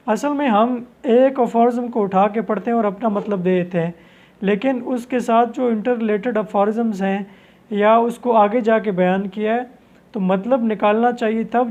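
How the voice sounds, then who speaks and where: A man's voice: sits high, darkish tone, highs cut off. Man lecturing in speech. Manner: explains at length with restarts, slows to read quotes in English. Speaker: homeopathy teacher.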